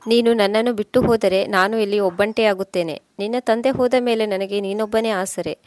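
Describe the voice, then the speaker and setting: A woman's voice: medium pitch, fairly even intonation, brisk, darkish tone, no echo, natural voice. A woman voicing a lonely, aging widowed mother who pleads with her son in tearful appeals. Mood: pleading.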